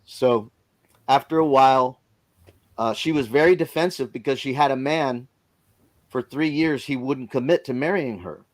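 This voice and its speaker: A man's voice: mid-range voice, normal speed. Man telling a story, casual. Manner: lively storyteller who acts out others' lines; plain, informal grammar.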